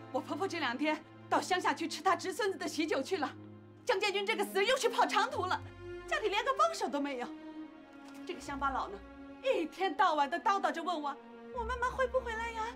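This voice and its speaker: An actress playing a short-tempered aunt and young mother who scolds and nags sharply. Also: very high voice. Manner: scolding, sharp-tongued nagging. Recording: loud music score behind.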